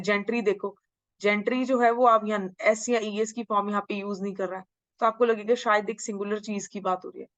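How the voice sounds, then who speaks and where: Woman teacher, exam-prep grammar lecture, slow drawn-out lines, dry slightly dull sound. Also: mid-range voice, fairly bright tone, no echo. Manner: mixes Hindi and English, drawls English sentences slowly, asks and answers own questions. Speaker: English teacher.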